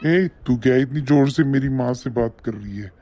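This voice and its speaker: A man voicing a drunk, aggressive young husband in an animated story, slurring and shouting down his wife. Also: medium pitch, normal speed, natural voice. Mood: belligerent. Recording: dull lo-fi with faint noise.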